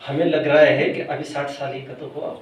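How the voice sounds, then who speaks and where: A man giving a scripture discourse to an audience, explaining slowly, asking for doubts and mixing in English words. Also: fairly high pitch, flat delivery, highs cut off, a little hiss or hum. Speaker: preacher. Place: large hall at a pilgrimage site. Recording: echoey hall, voice from far off.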